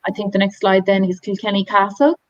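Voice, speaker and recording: An Irish woman working for a tour company presents slides on a video call, talking enthusiastically at a fairly quick pace with plenty of ums and restarts. Her voice is mid-range and level in tone, and the muffled recording has no room sound.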